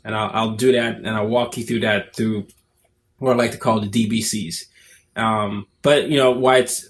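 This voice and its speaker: A Nigerian man in his twenties with an American accent speaks to the camera as a summit speaker, casual yet earnest and reflective, thinking out loud. His voice is mid-range, with a faint hiss or hum in the recording.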